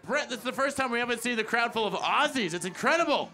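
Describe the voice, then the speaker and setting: Brief: male sports commentator, easygoing, high pitch, bright. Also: lively intonation, fast. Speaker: event commentator. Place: outdoor ski event.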